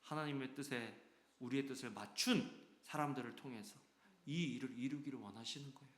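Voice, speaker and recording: Korean pastor preaching in an echoey church. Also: male voice, mid-range voice, fairly quick. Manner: animated, acts out quoted voices with sudden loud and soft swings. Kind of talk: sermon. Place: church sanctuary.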